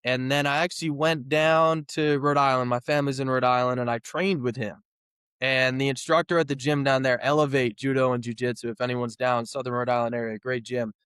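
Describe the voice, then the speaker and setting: A thirty-year-old man from New England, a physical therapist telling his story as a guest, relaxed and full of fillers and restarts. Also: mid-range voice, a little fast, smooth, dry recording, clean studio sound. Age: 30s. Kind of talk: casual interview talk.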